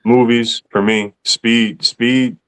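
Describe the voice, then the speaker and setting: A man's voice: medium pitch, flat delivery, slow pace, fairly bright tone, clean tone. A man hosting a casual podcast, teasing his guests in a playful, slangy way. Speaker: podcast host. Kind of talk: casual chat.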